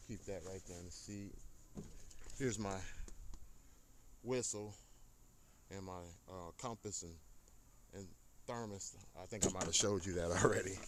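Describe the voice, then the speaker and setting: A hobby kayak fisherman, an American man with a lowish voice, rambles through an unscripted tour of his gear in a folksy, casual way. He speaks into a handheld tablet that keeps moving closer and farther away, so the audio is noisy and the mic distance shifts.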